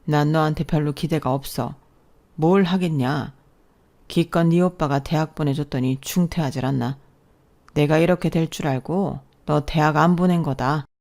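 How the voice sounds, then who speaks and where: A woman's voice: deep voice, normal speed, darkish tone. Woman doing a stern, lecturing old father-in-law. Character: domineering older male professor, bossy father-in-law.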